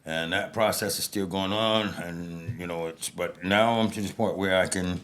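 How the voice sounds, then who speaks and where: A man's voice: low-pitched, steady tone, moderate pace, fairly bright tone. A middle-aged man telling stories in casual chat as a guest, his words running together so they can be hard to make out. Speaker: interview guest, local personality.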